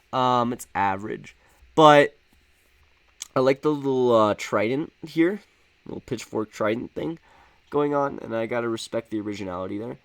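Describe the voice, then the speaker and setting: A man's voice: on the low side, vocal fry, fairly bright tone. A man hosting a video, talking through his opinions in a rambling, offhand way, with frequent fillers and casual swearing. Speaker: video host ranking flags. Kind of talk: casual unscripted commentary.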